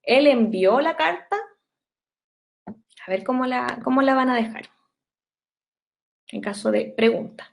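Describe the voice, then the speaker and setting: Slow, patient teacher woman. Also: a little high, animated, vocal fry, rough recording. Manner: patient, step-by-step, slows to dictate English sentences. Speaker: English teacher. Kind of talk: online class explanation.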